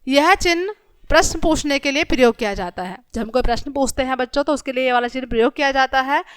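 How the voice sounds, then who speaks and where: A woman teacher giving a grammar lesson to young children, speaking to them directly and reading example sentences slowly and clearly. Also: high voice, fairly bright tone, no room sound, studio quality.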